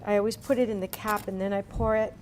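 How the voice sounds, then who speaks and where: A woman's voice: medium pitch, level tone, fast talker, a little mellow, rough recording. A woman hosting a casual cooking demonstration, chatting through each step with folksy asides. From Cape Cod, also grew up partly in Berlin in a US military family. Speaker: cooking show host. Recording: noticeable background room noise.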